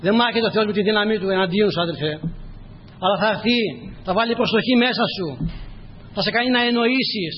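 A man's voice: sits high, long reverb tail, muffled recording, a little hiss or hum. A man preaching a sermon in a church, reading scripture and urging his listeners with repeated direct appeals. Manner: repetitive exhortations, direct address to listeners.

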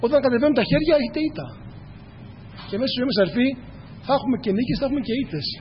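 A man with a very high, animated voice preaches an earnest, repetitive church sermon directly to his congregation. The recording is echoey, dull and lo-fi, with a little hiss or hum.

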